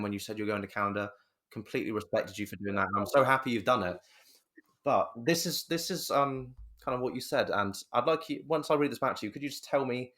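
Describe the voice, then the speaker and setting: A man with a fairly low voice hosts a podcast in a casual interview. He talks warmly and rambles, often restarting his sentences as he gathers his thoughts. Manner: warm, rambling, with many restarts. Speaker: podcast host.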